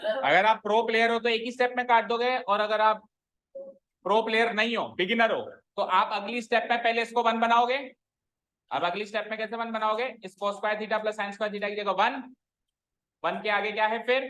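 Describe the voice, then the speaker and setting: A male maths teacher explains each step of a solution to his class. He talks informally, mixes English terms into his speech, and keeps pausing to ask whether anyone is stuck. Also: high voice, fairly bright tone, rough recording. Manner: checks often for doubts, informal Hindi-English mix. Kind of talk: online class lecture.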